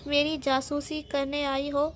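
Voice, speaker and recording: A woman's voice: high-pitched, monotone, slight background noise, lightly acted. Woman voicing a growling paranoid old man. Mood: suspicious. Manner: growling, menacing.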